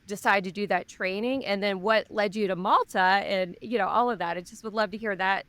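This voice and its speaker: A woman's voice: mid-range voice, brisk, a bit bright, no echo. Enthusiastic woman podcast host, dry sound. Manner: enthusiastic, chatty, rambling questions. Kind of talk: casual interview chat.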